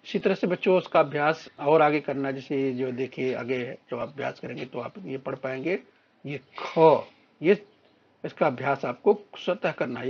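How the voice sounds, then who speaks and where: Slow-talking guy teacher, kinda husky, reads words out for little kids, muffled lo-fi sound. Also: a little high. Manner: slow, drawn-out word-by-word reading for children to repeat. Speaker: primary school teacher. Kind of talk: recorded Hindi lesson for young children.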